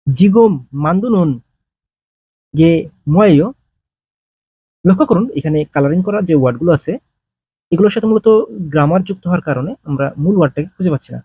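A man with a high, dark-toned and slightly husky voice teaches a grammar lesson. He explains step by step and answers his own questions. The sound is dry and a little dull. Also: expressive, racing, dry recording. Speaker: language teacher.

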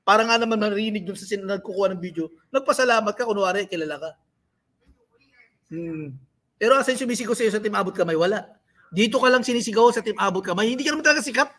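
High, sharp-voiced guy on a live stream, going off and mocking people. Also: fast. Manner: scolding, mocking rant. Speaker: livestream host.

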